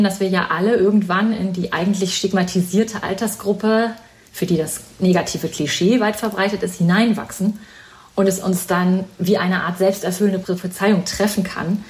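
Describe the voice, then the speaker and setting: A woman's voice: mid-range voice, a little mellow. A woman in her forties, a psychology professor, explaining ideas articulately in a recorded interview. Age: 40s.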